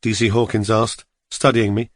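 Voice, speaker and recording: A man narrating an audiobook in the first person, steady and measured. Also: lowish voice, no room sound.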